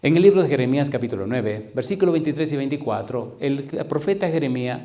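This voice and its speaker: Man, 50s, pastor, sermon, asks the congregation questions, warm mellow tone. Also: medium pitch, expressive. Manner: engages the audience with repeated questions; slows down to stress scripture readings.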